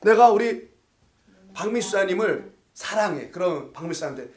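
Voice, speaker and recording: High-pitched guy pastor teaching bible class, jokey, laughs a lot. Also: lively intonation, normal speed, darkish tone. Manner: playful, laughs often, quizzes the class. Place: church classroom.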